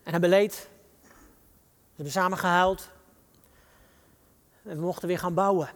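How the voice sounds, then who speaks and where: A man with a Dutch accent preaching a sermon, reading scripture quotes slowly and building to dramatic rises. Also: high-pitched, fairly even intonation, big-room sound.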